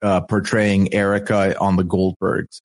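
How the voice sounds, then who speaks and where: A male podcast host with a somewhat low voice chats casually about a TV show. He rambles, jokes and teases his co-host in a playful way. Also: little pitch movement, a little slow. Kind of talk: casual chat recapping a TV show.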